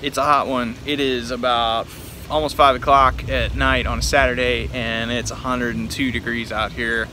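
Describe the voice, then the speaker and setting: American man, bright punchy voice, informal backyard vlog, casual hands-on demonstration, faint outdoor noise. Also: medium pitch, little pitch movement, normal speed. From Texas, United States. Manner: informal, laid-back address from the backyard. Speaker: vlogger presenting vintage cameras. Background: faint outdoor pool noise.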